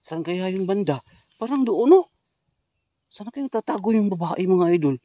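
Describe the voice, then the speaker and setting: A man from the Philippines vlogging a ghost hunt outdoors in a rural wooded spot, switching between loud calls and low hushed murmurs. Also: normal speed, no echo, muffled recording. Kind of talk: hushed exploring vlog commentary.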